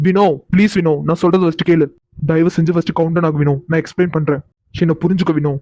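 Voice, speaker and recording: A man plays a young cartoon boyfriend who pleads and then turns wounded and bitter. His voice is fairly high but held flat and even, and he talks quickly. The recording is close and dry. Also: no echo, highs cut off, close to an everyday voice. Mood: pleading. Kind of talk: cartoon voice acting.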